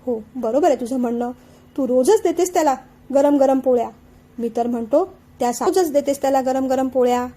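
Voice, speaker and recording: A woman's voice: high-pitched, fairly quick, dark tone. A woman reading a flustered, placating father-in-law. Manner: hesitant, placating.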